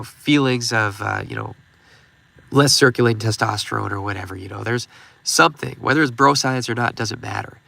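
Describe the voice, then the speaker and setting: Gravelly and sharp at a medium pitch, this stuffy-nosed man in his thirties gives meandering, casual advice as a stream host. "You know" crops up constantly, and the recording has no echo.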